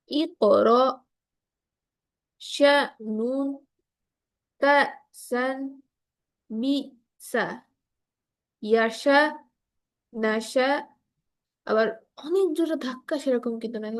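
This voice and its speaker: High-voiced woman teaching patiently. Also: a little mellow. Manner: patient, explains slowly, models sounds. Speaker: Quran reading teacher. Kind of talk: online kids class lesson.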